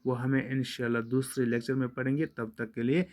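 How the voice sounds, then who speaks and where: A man teaching young pupils, explaining points slowly and repeating them patiently. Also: mid-range voice, level tone, a little mellow. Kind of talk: classroom lesson for children.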